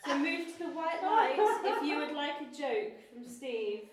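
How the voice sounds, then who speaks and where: A woman with a high voice coaxes a spirit and giggles. She comes through a low-quality stream, distant and heavily echoing. Other people talk around her. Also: big pitch swings, a little slow, crowd noise. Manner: coaxing, giggly. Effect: low-quality stream sound, apologised for by the host. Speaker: ghost hunt participant. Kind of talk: calling out to a spirit on a ghost hunt. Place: inside an old prison at night. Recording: echoey room, far from mic, people around. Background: group of people talking.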